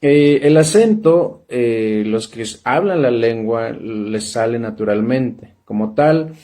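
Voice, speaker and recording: A man with a Mexican Spanish accent teaches pronunciation in a relaxed, unhurried way. His voice sits in a middle pitch, and he speaks slowly. He pauses often and repeats sounds syllable by syllable. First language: Totonac. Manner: slow, repeats syllables and checks in with "¿sale?". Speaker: language teacher. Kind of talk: casual spoken lesson.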